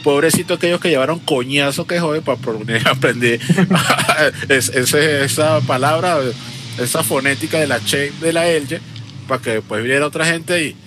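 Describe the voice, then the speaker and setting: A man co-hosting a casual podcast chat, animated and explaining things with emphatic repetition. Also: a little high, moderate pace, music in the background. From Venezuela. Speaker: podcast co-host.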